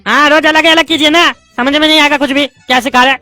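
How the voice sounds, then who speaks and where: A voice actor plays a touchy, argumentative bald politician who is also an adult student in a class, using a squeaky, pushed and bright voice with a steady tone. The loudmouth character argues and lectures indignantly in rapid-fire bursts, recorded with no echo.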